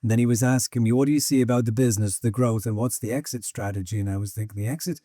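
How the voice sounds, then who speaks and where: Chatty older man hosting, mellow voice. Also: mid-range voice, very fast, no room sound, clean studio sound. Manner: chatty anecdotes with laughs and quoted voices. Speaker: podcast host. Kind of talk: conversational interview.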